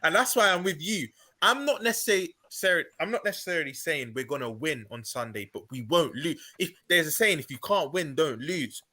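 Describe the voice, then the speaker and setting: A man's voice: on the high side, expressive, normal speed, few pauses, pushed and bright. A man in casual football fan chat, emphatic and slangy, repeating his points. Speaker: football fan show panelist.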